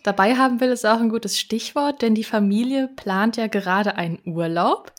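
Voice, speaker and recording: A woman's voice: a little high, normal speed. Chatty woman host. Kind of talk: casual chat.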